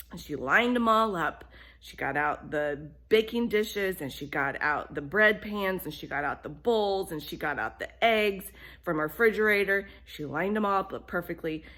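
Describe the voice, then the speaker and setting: A woman with a fairly low-pitched voice tells a children's bedtime story, expressive and deliberate, emphasizing key phrases.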